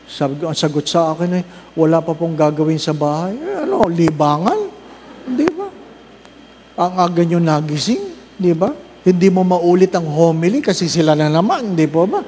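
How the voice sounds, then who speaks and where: Priest preaching in a reverberant church. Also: male voice, fairly high pitch, big pitch swings, darkish tone, a little hiss or hum. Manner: humorous storytelling, asks the congregation rhetorical questions; slow emphatic listing of works of mercy. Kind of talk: Advent recollection sermon.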